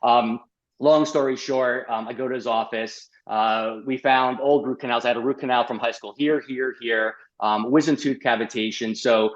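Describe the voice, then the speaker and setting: A middle-aged man, a doctor as guest, telling his story in a lively podcast interview, full of fillers and "like". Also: medium pitch, moderate pace, highs cut off. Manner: animated, uses many fillers and "like".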